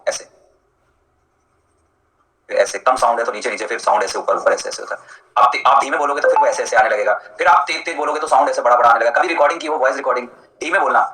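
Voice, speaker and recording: A man's voice: medium pitch, bright, forceful tone, reverberant, rough recording. A male teacher giving a live online lecture in a chatty, jokey way, answering students by name as he explains.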